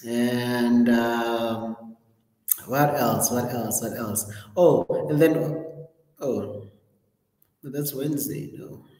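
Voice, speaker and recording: A man with a mellow, medium-pitched voice hosts a livestream, casually and slowly walking through the week's schedule with plenty of ums and self-corrections. The room is echoey, with long reverb.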